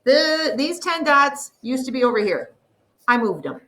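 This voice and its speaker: A woman teacher walks a class through a math problem at a slow, careful pace. Her voice sits high and clear, and she often draws a number out to let it sink in. The classroom mic picks her up from a few steps away. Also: sing-song, pushed and bright, far from the mic, poor audio. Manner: slow, deliberate explaining, drawing out numbers.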